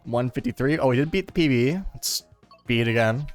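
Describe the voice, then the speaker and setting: Soft music plays as a young gaming host drives in a racing game, talking in a mid-range voice at a fairly quick pace. It's casual chat over gameplay, a loose, rambling story heavy on fillers.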